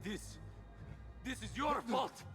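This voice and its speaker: एक अभिनेता video गेम में एक गुस्साए, डरे हुए व्यापारी की आवाज़ दे रहा है, चिल्लाकर इल्ज़ाम लगाता हुआ।. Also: male voice, very high voice, lively intonation, very slow, gravelly, faint music behind, full character voice. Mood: furious. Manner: shouting, accusing. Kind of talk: video game voice acting.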